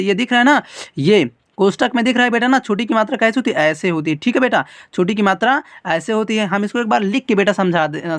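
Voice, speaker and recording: A teacher hosting a children's writing lesson, patient and repetitive, calling the viewer "beta" and dragging out letter sounds slowly. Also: mid-range voice, no room sound, clean studio sound. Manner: drags out letter sounds slowly when demonstrating. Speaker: teacher and channel host.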